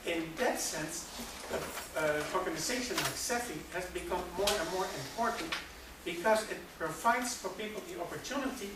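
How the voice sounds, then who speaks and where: A speaker at a conference, talking in a deliberate, measured way. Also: mid-range voice, lively intonation. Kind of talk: conference talk. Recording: very echoey hall, far from mic, noisy.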